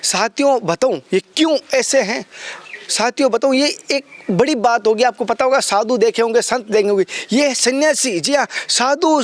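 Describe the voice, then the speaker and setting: A man, a vlogger, speaking earnestly to his viewers and appealing to them. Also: very high-pitched. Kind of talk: addressing viewers.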